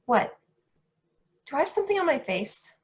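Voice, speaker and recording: Friendly geeky schoolgirl played by a woman, higher pitch, casual and self-deprecating, table-read drama. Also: very animated, moderate pace. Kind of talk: amateur play reading.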